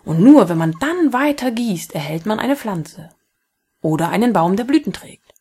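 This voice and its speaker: A woman voicing a good-humoured, gentle biology teacher in a read-aloud story, explaining firmly with a breathy tone. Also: medium pitch, expressive, normal speed.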